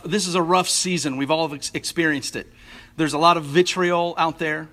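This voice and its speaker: A man preaching a sermon as an assistant rector, earnest, with soft emphatic repetitions. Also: fairly high pitch.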